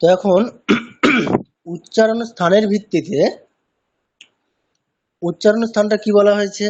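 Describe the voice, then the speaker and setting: High husky-voiced man teaching pronunciation. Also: fairly even intonation, darkish tone, muffled recording. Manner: patient, repeats sounds slowly to demonstrate. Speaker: chanting teacher. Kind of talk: online class lesson.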